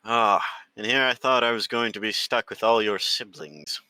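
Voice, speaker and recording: A man's voice: on the low side, moderate pace, pushed and bright, clean tone, no room sound, poor audio. A man doing a hearty burly cook. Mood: jovial.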